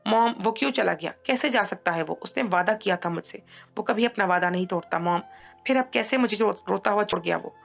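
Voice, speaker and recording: A woman's voice: medium pitch, animated, slow, vocal fry, few pauses. A woman voicing a young woman crying with grief and stammering through her sobs in an audiobook drama. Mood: grief-stricken. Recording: dull lo-fi audio, faint music.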